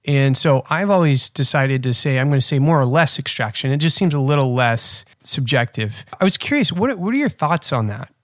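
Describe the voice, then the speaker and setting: Brief: male podcast host, mid-pitched, easygoing, dry studio sound. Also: animated, fairly quick, hardly any pauses, no echo. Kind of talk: scripted intro then casual interview.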